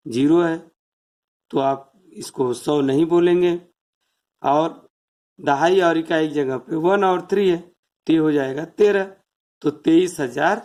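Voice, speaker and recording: Slow, patient teacher explaining math. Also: medium pitch, a little mellow. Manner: counts out place values one by one and asks rhetorical questions. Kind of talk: step-by-step classroom explanation.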